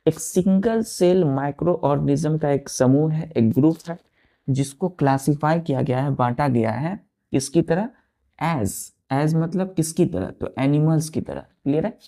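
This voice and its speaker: A man teaching a science class who spells words out letter by letter and keeps asking the pupils if it is clear. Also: fairly high pitch, a little slow, dark tone. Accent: Indian English. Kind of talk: classroom lesson at a board.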